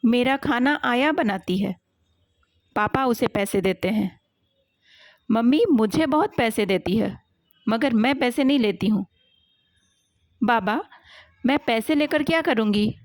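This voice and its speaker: An anxious young girl from a read-aloud story, as a woman puts her on, plaintive and earnest. Her voice is fairly high and slow, heard close and dry. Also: animated, no echo. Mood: worried.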